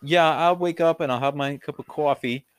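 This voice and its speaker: A man's voice: fairly high pitch, clean tone, dry recording. A man in a casual podcast chat who agrees readily and chimes in often. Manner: agreeable, quick to chime in with "yeah".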